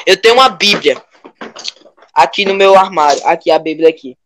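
A young man with a Brazilian Portuguese accent, chatting casually in a rambling, animated way full of slang. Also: high-pitched, brisk, slight background noise.

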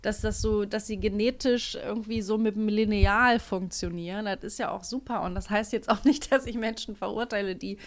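A woman's voice: medium pitch, fairly even intonation, normal speed, few pauses. Young woman co-host, casual and opinionated, frequent restarts. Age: young adult. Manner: chatty, opinionated, restarts often. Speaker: podcast co-host. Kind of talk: casual chat.

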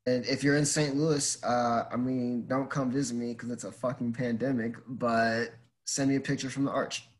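Male podcast guest, mid-range pitch, conversational, loose, hesitant phrasing. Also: level tone. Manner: halting, thinking aloud, informal. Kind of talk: casual chat.

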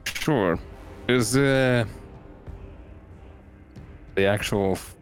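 A man playing his character in a tabletop game, speaking hesitantly with many pauses. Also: medium pitch, faint music behind. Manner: hesitant, halting speech. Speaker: player.

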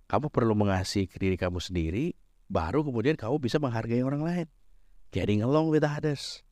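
Middle-aged male pastor, animated joking preacher, slightly high voice, dry recording. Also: fairly quick, no echo. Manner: lively, mixes Indonesian with English phrases, jokes with the congregation. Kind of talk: sermon.

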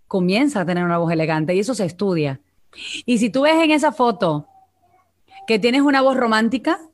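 A woman from Venezuela, a vocal coach and guest, talking in a coaching tone and addressing listeners directly in a live online interview. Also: fairly high pitch.

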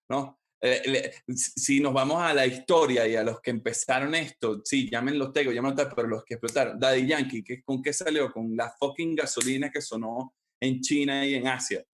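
A man with an average-pitched voice hosts a laid-back chat. He thinks aloud at length, looping back and dropping casual fillers as he goes. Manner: reflective, rambling, with fillers like "brother" and "pues". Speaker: podcast host.

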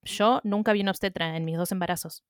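Argentine woman co-host, quick supportive interjections, mid-pitched voice, dry close mic. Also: fairly even intonation, no room sound. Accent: Argentine Spanish. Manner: brief, supportive interjections and factual asides. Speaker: podcast co-host. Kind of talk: casual chat.

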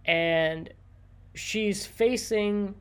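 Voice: medium pitch, drawn-out words, smooth. A podcast host telling stories casually, rambling with lots of "like" and "um" and stopping often to rephrase and clarify. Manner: rambling, lots of likes and ums. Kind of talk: casual solo podcast storytelling.

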